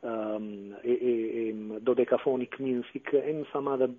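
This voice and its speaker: A man's voice: mid-range voice, fairly even intonation, measured pace. A man, a clarinetist and composer, answering radio interview questions with many fillers and restarts. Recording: phone-line radio audio.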